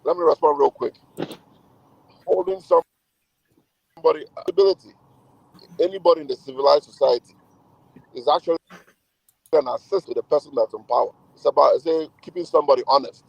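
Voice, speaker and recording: A man calling in from his car on speakerphone while driving, talking in a hurried, halting way with many fillers. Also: a little high, creaky, no echo. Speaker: call-in participant. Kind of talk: online group discussion. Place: in a moving car. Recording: muffled lo-fi phone line.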